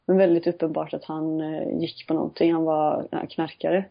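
A woman's voice: deep voice, flat delivery, vocal fry. A young woman chatting casually on a podcast, blunt and wry in her remarks. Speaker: podcast co-host. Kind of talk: casual chat. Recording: dull lo-fi old recording.

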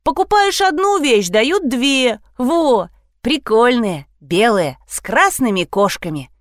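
A woman voicing a shrill, indignant teenage girl in a read-aloud story. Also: sing-song, a little slow, dry recording, clean studio sound. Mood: smug. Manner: shrieking, indignant.

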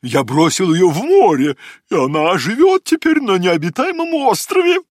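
A man's voice: on the high side, huge pitch swings, a little slow, no echo, studio quality, pitched above the performer's own voice, heavily acted. A man voicing a brave, reassuring two-headed male animal who speaks boldly and emphatically.

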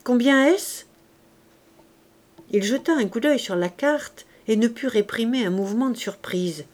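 A woman reading a classic novel aloud as an audiobook, in a measured, expressive way. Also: a little high. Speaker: audiobook narrator. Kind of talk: literary audiobook narration.

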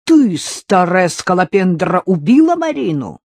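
A woman's voice: fairly low pitch, big pitch swings, unhurried, no room sound, clean studio sound, pitched above the performer's own voice, exaggerated voice. Narrator doing a fierce mocking young woman. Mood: accusing. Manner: mocking, accusing, loud. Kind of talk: audiobook character voice.

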